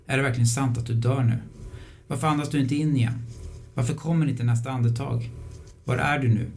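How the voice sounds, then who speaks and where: Male reader, mellow dark timbre, quiet reflective questioning delivery for a scripted short story. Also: medium pitch, slight background noise. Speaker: podcast host reading his own short story. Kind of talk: scripted reading of a first-person short story.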